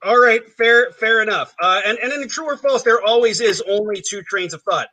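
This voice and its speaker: A man hosting a comedy game show over a video call, upbeat and quick to move things along. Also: high voice, bright, forceful tone.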